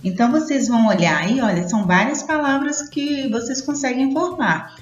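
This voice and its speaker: A woman's voice: high voice, normal speed. A woman teaching young children, stretching out syllables in a sing-song way. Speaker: primary school teacher. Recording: roomy, dull sound with soft music.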